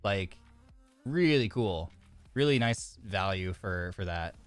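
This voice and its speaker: Deep, resonant, and clear, this man speaks slowly but animatedly over soft background music in a dry recording. He's streaming a card game with a slightly congested sore throat, casually chatting, reading card text, and frequently restarting sentences and using fillers.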